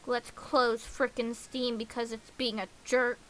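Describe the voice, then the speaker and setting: A woman livestreamer chats playfully to herself while setting up games, now and then drifting into sing-song babble. Her fairly high, fairly bright voice stays level and unhurried. The audio is poor, with an obvious background hiss.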